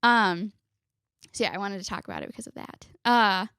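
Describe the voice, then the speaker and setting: A woman's voice: mid-range voice, sing-song, fairly quick, a bit bright, smooth, dry recording, studio quality. A woman in her twenties, a guest on a family podcast, chatting casually and laughing often, sometimes backtracking mid-sentence. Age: 20s.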